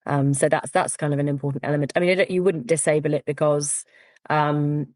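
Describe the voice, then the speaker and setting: A woman, a firm founder, explaining things in a measured way on a podcast with frequent "um" and "you know". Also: low voice, little pitch movement, darkish tone, dry recording. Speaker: cyber security firm founder, guest. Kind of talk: podcast interview.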